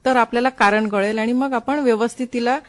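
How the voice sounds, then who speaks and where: A woman doctor with a slightly high voice explains and instructs on a phone-in show. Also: steady tone, fairly quick. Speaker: Ayurvedic doctor, studio guest. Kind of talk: spoken advice on a phone-in.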